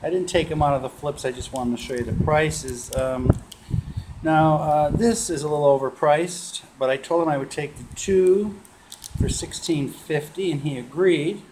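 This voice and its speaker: A man's voice: a little high, normal speed. Rambling man showing coins, noisy recording. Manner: relaxed and rambling, with many "uh" fillers. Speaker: coin collecting vlogger. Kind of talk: casual show-and-tell vlog. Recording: noisy home video recording.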